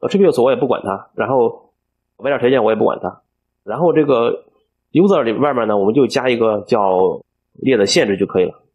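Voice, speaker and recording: A man teaching a coding tutorial over a screen recording, explaining each step aloud and filling pauses as he thinks. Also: mid-range voice, animated, slightly rough, dull audio. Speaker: programming instructor.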